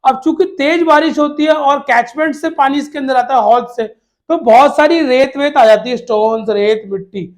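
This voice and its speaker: Speaking at normal speed in a very high-pitched voice, a man runs an exam-prep lesson for children. He poses questions and supplies the answers himself, repeats the key words, and fondly calls the kids "beta" like a father would.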